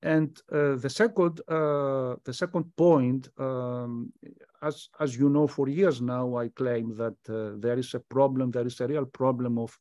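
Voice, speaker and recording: A man speaking as a panelist in an academic discussion, measured and hesitant. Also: medium pitch, fairly even intonation, a little mellow, no room sound, studio quality. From Greece.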